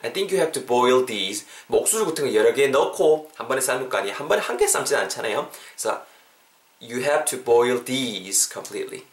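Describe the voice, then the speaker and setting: A man hosting a casual English lesson podcast, animated and mixing English phrases into his explanations. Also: medium pitch, brisk, few pauses. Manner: animated, spells words out, mixes English phrases. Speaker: English teacher podcast host. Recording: roomy echo.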